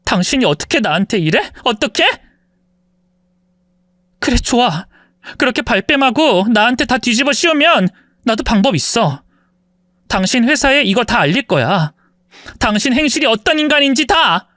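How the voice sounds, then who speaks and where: A man's voice: very high-pitched, big pitch swings, moderate pace, long pauses, sharp tone, dry recording, clean studio sound, full character voice. A man voicing a betrayed wife in her forties who accuses her husband of cheating. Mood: indignant. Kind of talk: dramatized story reading.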